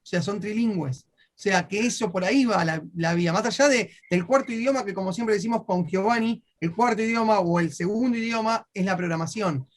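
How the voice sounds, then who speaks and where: A man's voice: sits high, a little fast. A man, co-hosting and giving closing remarks in an emphatic, conversational way. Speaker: co-host.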